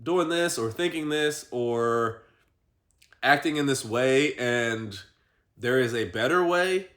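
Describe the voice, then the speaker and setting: A man talking through his personal growth in a reflective vlog monologue, thinking aloud and pausing often on fillers. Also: mid-range voice, expressive, fairly bright tone. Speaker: vlogger.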